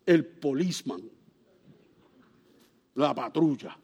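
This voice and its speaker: A man's voice: medium pitch, takes it slowly, vocal fry, husky, highs cut off. A man preaching a sermon, telling stories with sudden exclamations and asking his listeners questions. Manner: animated storytelling with sudden exclamations; asks the congregation questions.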